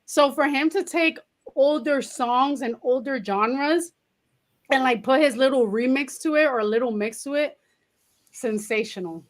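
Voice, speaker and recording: A woman from New York co-hosting a podcast in casual chat, animated, blunt and playful. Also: high-pitched, unhurried. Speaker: podcast co-host.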